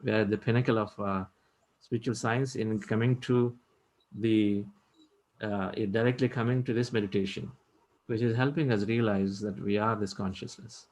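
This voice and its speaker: A man's voice: fairly low pitch, steady tone, moderate pace, darkish tone, rough recording. Encouraging man hosting meditation. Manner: reflective, encouraging, loose and repetitive phrasing. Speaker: meditation session host. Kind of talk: spiritual talk and hosting.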